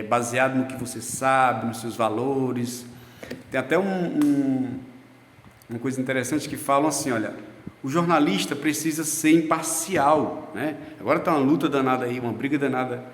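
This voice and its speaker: A man's voice: on the high side, reverberant, long reverb tail. A man giving a class lecture, explaining patiently, with fillers and restarts.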